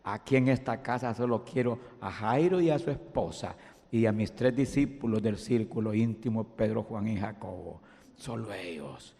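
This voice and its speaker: A preacher voicing a calm, commanding healer. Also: male voice, fairly low pitch, moderate pace, vocal fry. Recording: long church reverb.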